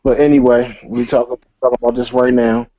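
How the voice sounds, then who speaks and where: A man's voice: medium pitch, little pitch movement, moderate pace, mellow, dry recording. A man co-hosting a casual sports podcast, boastful and full of slang. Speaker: co-host. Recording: dull lo-fi recording.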